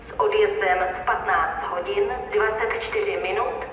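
A woman making formal, measured, segmented railway station announcements. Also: medium pitch, steady tone, distant mic, slight background noise. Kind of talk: scripted public address announcement. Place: large station, over public address. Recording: muffled, echoing station loudspeaker from afar.

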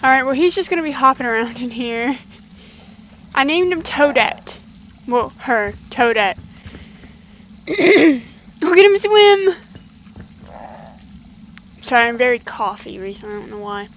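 A woman hosting casual gameplay commentary, chatty and excitable, talking to the creatures on screen. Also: a little high, moderate pace, slight background noise, rough recording. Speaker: gaming channel host.

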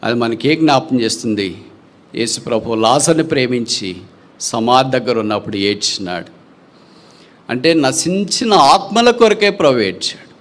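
A man preaching a sermon with big swings between loud, high passages and soft, low ones, asking rhetorical questions and dropping English phrases into his talk.

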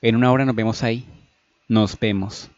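Un hombre dando voz a Candy, una joven insegura y tímida que titubea y se atropella al hablar. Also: male voice, on the low side, fairly even intonation, moderate pace, no room sound, lo-fi sound, close to an everyday voice. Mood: flustered. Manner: hesitant, stammering and flustered. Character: Candy, shy young woman, insecure and easily flustered.

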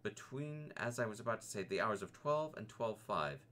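A man voicing Piglet, a small timid male piglet who talks in a squeaky, nervous and hesitant way in a storybook reading. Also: lively intonation, moderate pace, fairly bright tone, slight background noise.

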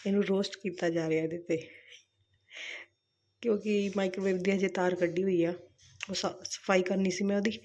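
A woman's voice: mid-range voice, a little mellow. A young woman chatting casually to the camera in her home vlog. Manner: chatty, coaxing. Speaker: vlogger.

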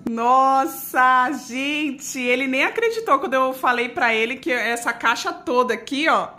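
Gushing Brazilian woman, high voice, echoey room, mic a little distant. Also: lively intonation, measured pace, sharp tone. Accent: Brazilian Portuguese. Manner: gushing, exclamatory, chatty with viewers. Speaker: channel host. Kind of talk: excited unboxing vlog.

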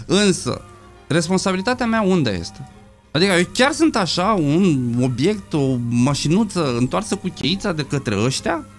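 A man speaking as a sociologist guest in a casual radio chat, telling stories with lively acted-out quotes. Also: sits high, soft background music. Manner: animated storytelling, acts out quotes in raised voices.

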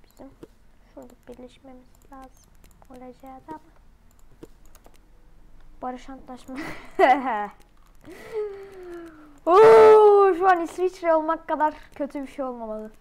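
A woman with a high voice talks through a strategy game in a casual commentary. She is excitable and keeps breaking into loud, crude outbursts. A faint hiss sits under the recording. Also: normal speed, long pauses, rough recording. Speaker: gamer playing online strategy game.

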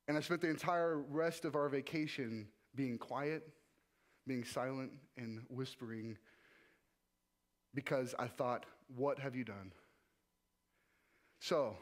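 A young man, a worship leader, telling his own story during a sermon in a casual, conversational way with frequent restarts. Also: mid-range voice. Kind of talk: personal testimony in a sermon. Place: church.

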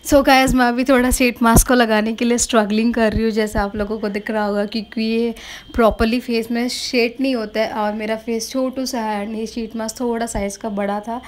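A woman's voice: on the high side, fairly even intonation, brisk, a little hiss or hum. A young woman vlogging a beauty product review while wearing a sheet mask, chatty and mixing English into her speech. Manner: chatty, mixes English into Hindi, keeps saying "guys". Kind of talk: casual product review vlog.

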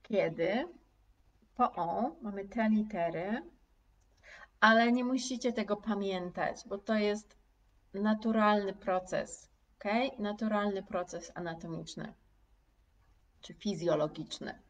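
A woman teacher giving a live online lesson, drawing out every word at a very slow, deliberate pace. She articulates each sound with care and repeats words for her students. Her voice sits a little back from the mic. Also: medium pitch, far from the mic, dull audio. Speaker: language teacher. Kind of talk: live online lesson, reading chat comments aloud.

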